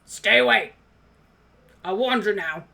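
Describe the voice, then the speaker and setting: A gruff old male dwarf blacksmith from a tabletop game, acted by a woman. The delivery is forceful and loud, with curt, crabby warnings and an undertone of fear. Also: takes it slowly, exaggerated voice. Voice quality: deep-voiced, gruff. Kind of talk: tabletop game role-play.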